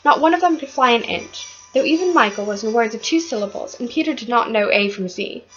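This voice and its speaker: A woman reading a children's book aloud with expressive delivery and occasional stumbles. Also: fairly high pitch, brisk, muffled recording, faint music behind.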